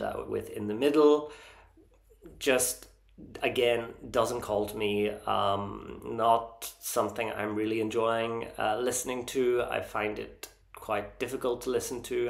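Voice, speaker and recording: A man vlogging casually about songs he likes, earnest and enthusiastic, often pausing with ums and restarting his sentences. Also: on the low side, gravelly, roomy sound. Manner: hesitant, frequent ums and restarts. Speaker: Eurovision vlogger ranking songs. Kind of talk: casual opinion vlog.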